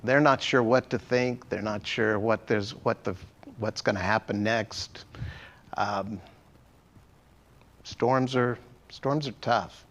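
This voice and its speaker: Slow-talking male pastor preaching. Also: fairly low pitch, fairly even intonation, a bit bright, muffled recording. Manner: conversational, asks the congregation questions. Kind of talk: sermon. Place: church sanctuary.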